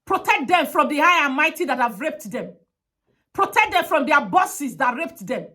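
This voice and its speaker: A woman's voice: high-pitched, expressive, normal speed, bright, forceful tone. A woman giving an impassioned advocacy monologue, emphatic and pleading, with heavy repetition.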